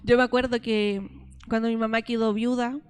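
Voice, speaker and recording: High-voiced woman pastor preaching. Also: little pitch movement, normal speed, clean tone, soft background music. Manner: storytelling, acting out both sides of conversations. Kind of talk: sermon.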